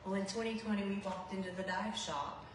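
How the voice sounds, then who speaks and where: A woman's voice: medium pitch, fairly even intonation, brisk. A middle-aged woman telling an unplanned, casual story at a memorial. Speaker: eulogy speaker. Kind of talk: unscripted memorial speech. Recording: echoey hall, mic far off, noticeable background noise.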